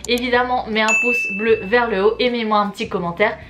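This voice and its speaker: A woman's voice: a little high, fairly even intonation, fairly quick, heavy background noise. A woman vlogger chatting casually and expressively to her viewers as she tells a personal story. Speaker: YouTube vlogger. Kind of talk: story time vlog, casual chat to viewers.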